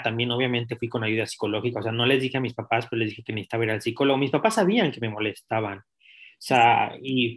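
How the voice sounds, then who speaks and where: A man's voice: mid-range voice, fairly bright tone. A young man, a podcast guest telling his own story in a direct, candid way with many restarts. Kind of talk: personal storytelling in an interview.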